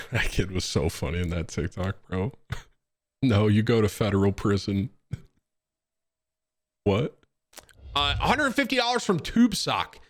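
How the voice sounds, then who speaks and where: This streamer and host, a young guy from Syracuse, New York, has a lowish voice and takes things slowly, pausing often. His chat is loose and animated as he reacts to clips and reads donations, throwing in plenty of "bro," "man," and swearing.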